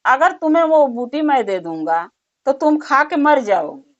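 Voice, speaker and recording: A woman telling of a calm old holy man. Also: sits high, unhurried. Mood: instructing. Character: calm elderly male holy man, wise. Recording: dull muffled recording.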